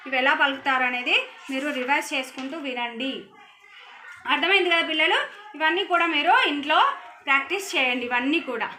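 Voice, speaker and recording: A woman teacher giving a lesson to young children, reading words out slowly and clearly one by one. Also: high voice, sharp tone, soft background music. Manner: slow, clear word-by-word reading.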